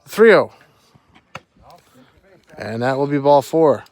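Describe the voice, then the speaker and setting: A man announcing a baseball game live, giving short, clipped updates on pitches and the count. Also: expressive, takes it slowly, darkish tone.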